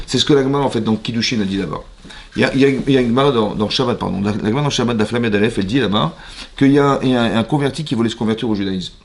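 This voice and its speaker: Gravelly-voiced French rabbi teaching. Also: male voice, medium pitch. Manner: animated, asks the audience questions, acts out little dialogues. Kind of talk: spoken Torah lesson. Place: synagogue.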